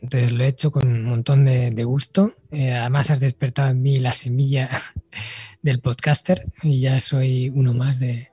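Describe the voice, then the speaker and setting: A man speaks as a guest on a podcast, his tone mellow and a little husky. He talks in a measured, thoughtful way, and the recording sounds dry, with no room in it. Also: mid-range voice, level tone, dry recording. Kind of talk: casual podcast conversation.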